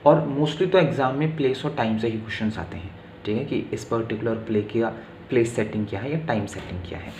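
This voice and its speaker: Slow, deliberate male lecturer in an echoey room. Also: mid-range voice, a little mellow, slight background noise. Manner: reads English definitions slowly, then explains them in Hindi. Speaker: literature teacher. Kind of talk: lecture explaining literary terms.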